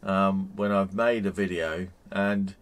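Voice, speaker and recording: A man's voice: sits low, fairly even intonation, slow. A man in his fifties chatting casually to camera from inside a motorhome, rambling with frequent ums and restarts. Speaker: vlogger. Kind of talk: casual vlog chat.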